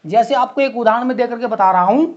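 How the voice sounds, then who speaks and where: A man teaching a grammar class, explaining slowly and repeating example words. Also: very high voice. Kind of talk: Hindi grammar lecture. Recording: dull lo-fi classroom recording.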